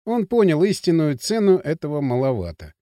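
Male audiobook narrator, measured delivery, higher lively voice, dry close recording. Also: no echo. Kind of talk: scripted narration.

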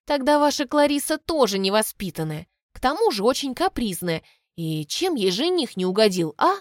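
A young woman reading an audiobook, voicing a defiant heroine who clips her words in a crisp, mocking way. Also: a little high, sing-song, moderate pace, no room sound, studio quality, pitched above the performer's own voice.

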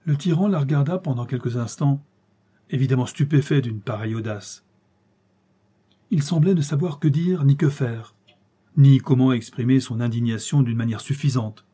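A man reading a classic story aloud as an audiobook narrator, steady and expressive. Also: medium pitch, moderate pace, breathy edge.

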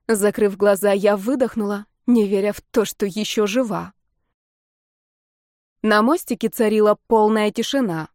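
Woman reading a first-person audiobook, measured and expressive, close and dry. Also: mid-range voice, dry recording. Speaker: audiobook narrator.

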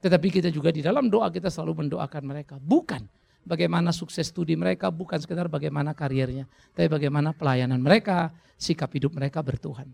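A man's voice: fairly high pitch, quick pace, creaky, darkish tone. A male pastor preaching a sermon, earnest and exhorting, talking directly and conversationally to his congregation.

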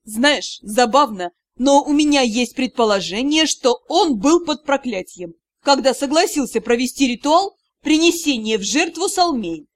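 Woman playing a drawling, sneering male magister in a storybook, voice dropped low. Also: lively intonation, unhurried, few pauses, dry recording. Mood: sarcastic. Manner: sarcastic, drawling. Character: mocking aristocratic male mage, sarcastic, teasing.

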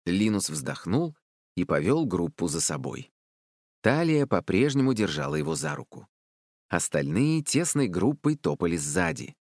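A man narrating an audiobook in an expressive, varied manner. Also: fairly low pitch, unhurried, vocal fry, no room sound, studio quality.

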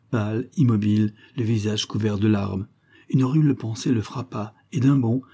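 A man narrating a nineteenth-century short story in a measured, expressive reading. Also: medium pitch, slightly rough. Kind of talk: literary audiobook narration.

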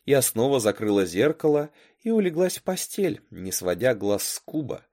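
A man narrating a storybook chapter with expressive, dramatic delivery. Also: medium pitch, moderate pace. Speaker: story reader.

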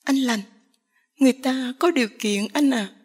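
A woman's voice: high voice, normal speed, a little mellow, husky. Woman reading as a tearful young village girl. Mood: sad tearful. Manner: tearful, pleading.

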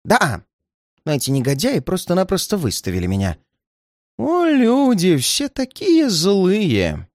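Old man, terrified and paranoid, high and shaky, always near tears; a male reader puts him on. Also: huge pitch swings, a little slow, a little mellow, no room sound, studio quality, heavily acted. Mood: frantic, fearful. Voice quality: shrill, shaky, pleading. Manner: frantic outbursts, near tears. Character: frightened paranoid old man, shrill and tearful.

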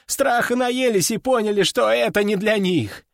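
A man's voice: sits high, moderate pace, creaky, no echo, clean studio sound, pitched above the performer's own voice. A man voicing a chatty, amused army major in a raised, wry voice.

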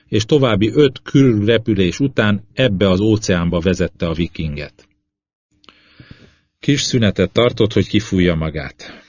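A man calmly narrating a science fiction audiobook. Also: fairly low pitch, no echo. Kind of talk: scripted novel narration. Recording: slightly dull lo-fi audio.

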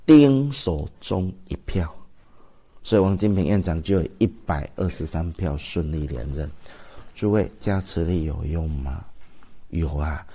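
Deep-voiced Taiwanese monk giving a chatty sermon. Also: male voice, normal speed, mellow, breathy edge. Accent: Taiwanese Mandarin. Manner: chatty storytelling, rhetorical questions to the audience. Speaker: Buddhist master. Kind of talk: dharma talk sermon.

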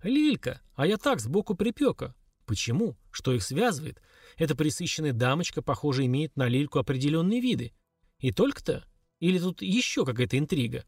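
A man's voice: a little high, sing-song, brisk, darkish tone, breathy edge, no room sound, studio quality, exaggerated voice. A man voicing a blunt, suspicious young man pressing others for answers. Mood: brooding.

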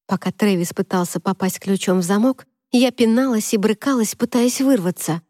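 A woman narrates a first-person audiobook in a steady, measured way. Her voice is warm and dark, recorded close on a mic in a dead, dry room with no reverb. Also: mid-range voice.

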